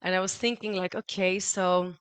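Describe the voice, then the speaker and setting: A woman from Sweden and Greece, a spiritual teacher chatting casually on a live stream, animated with frequent laughs and fillers. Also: lowish voice, moderate pace, clear, resonant tone, no echo.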